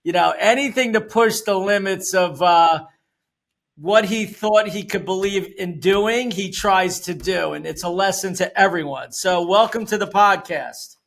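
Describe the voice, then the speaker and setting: A man's voice: high voice, unhurried, vocal fry, fairly bright tone. An older man hosting a podcast interview, upbeat, loose and conversational. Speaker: podcast host.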